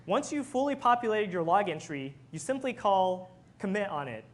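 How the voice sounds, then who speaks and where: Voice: medium pitch, animated, normal speed. A technical presenter of unclear sex explaining things step by step in a prepared talk. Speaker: software engineer presenter.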